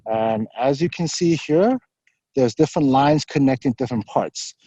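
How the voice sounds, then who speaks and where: A man's voice: mid-range voice, moderate pace, warm tone, breathy edge, no room sound, lo-fi sound. A man from the university staff guiding a live virtual campus tour and answering questions, explanatory and a little out of breath from walking. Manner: explanatory, frequent "um" and "so".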